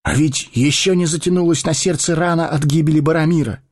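A man's voice: fairly high pitch, a little fast, a little mellow, close to an everyday voice. An actor playing a noble warrior and heir to a throne who speaks solemnly and declaims his lines. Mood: grave. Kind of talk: audio drama acting.

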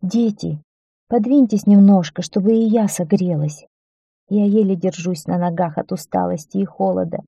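A woman voicing a tired, ill mother in a children's story, speaking softly and wearily. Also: medium pitch, normal speed, vocal fry, slightly rough, dry recording, lo-fi sound. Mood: pleading. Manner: tired, soft and pleading. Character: weary sick peasant mother.

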